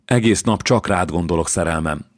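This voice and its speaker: Brief: eager pleading young girl, voiced lightly by a male narrator, low voice. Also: dry recording, studio quality, natural voice. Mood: longing. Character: young woman, a slave girl longing for love.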